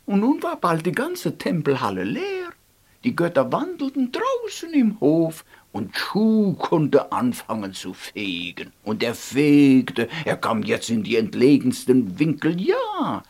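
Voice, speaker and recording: Slow, lively fairy-tale storyteller. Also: mid-range voice. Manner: slow, expressive, dramatic pauses. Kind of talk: storybook narration.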